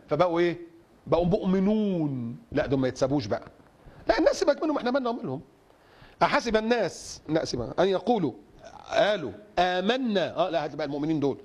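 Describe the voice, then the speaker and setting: A man preaching with an Egyptian accent, his voice pitched a little high and his words rushing out quickly. He hammers his points through repetition and rhetorical questions. He slows right down to recite verses. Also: a little mellow, breathy edge. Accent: Egyptian Arabic. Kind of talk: sermon.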